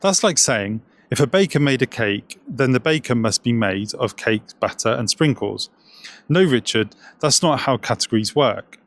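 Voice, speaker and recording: Man, scripted commentary, sarcastic, jokey asides, mid-pitched voice. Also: animated, moderate pace.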